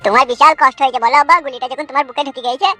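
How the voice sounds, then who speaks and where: A woman's voice: high voice, fairly even intonation, rapid-fire, sharp tone, faint music behind. A woman voicing a hot-headed village son swearing revenge. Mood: pleading. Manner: fiery, crude swearing rants. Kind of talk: comic cartoon dub.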